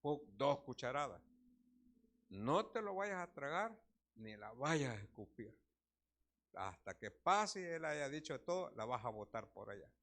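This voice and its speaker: A man voicing a gentle older pastor who calmly gives advice to a woman. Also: mid-range voice, measured pace. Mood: advising. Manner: calm, instructive.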